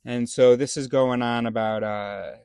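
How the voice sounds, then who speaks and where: Rambling man thinking out loud. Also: mid-range voice, steady tone, measured pace, vocal fry, clear, resonant tone, no room sound, clean studio sound. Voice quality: rambling, self-interrupting. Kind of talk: casual spoken monologue.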